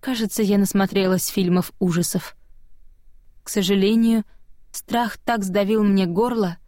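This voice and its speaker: A woman's voice: medium pitch, fairly even intonation, unhurried, warm tone, dry recording, clean studio sound. Woman narrating an audiobook in first person.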